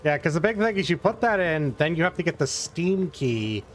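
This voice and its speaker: A man's voice: a little high, sing-song, moderate pace. A man live-streaming a game, chatting casually and rambling as he answers viewers' questions. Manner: rambling, talks around answers to chat questions. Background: game music.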